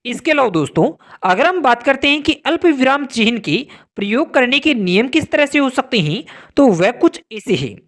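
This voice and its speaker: Lively-voiced woman explaining grammar. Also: high voice, moderate pace, hardly any pauses. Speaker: grammar teacher. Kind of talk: scripted explainer narration.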